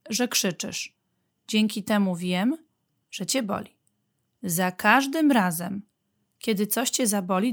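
Gentle mother badger, read by a woman, soothing, reassuring, mid-pitched storybook voice. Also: lightly acted. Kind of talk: storybook reading.

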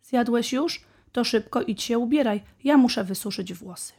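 A woman voicing a hurried, worried rabbit mother in a storybook. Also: on the high side, darkish tone, husky, voice pushed up. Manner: hurried and bustling.

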